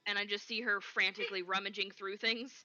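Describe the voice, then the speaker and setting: Bright-voiced tabletop player. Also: mid-range voice, little pitch movement, fairly quick, muffled recording. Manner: playful, teasing in-character quips. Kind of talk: casual tabletop role-play.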